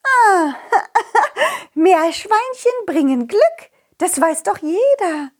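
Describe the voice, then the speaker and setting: Woman voicing a giggly storybook princess, sing-song, very high, bouncy. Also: big pitch swings, very slow, heavily acted. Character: cheerful cartoonish young princess, giggly.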